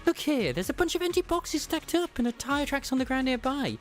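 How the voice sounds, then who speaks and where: A man reading a game character's lines aloud, with big leaps in pitch and some background music. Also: big pitch swings, fairly quick. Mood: eager.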